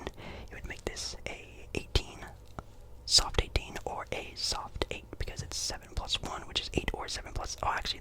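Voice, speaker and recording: A man whispers an ASMR roleplay in which he's a friendly casino dealer who apologizes often. He comes across as breathy and chatty, reassuring the listener politely but hesitantly.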